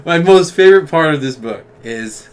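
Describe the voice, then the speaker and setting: A man's voice: on the high side, expressive, normal speed, a little hiss or hum. A man co-hosting a casual comic book discussion, enthusiastic and slangy. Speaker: comic book podcast co-host. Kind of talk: casual chat.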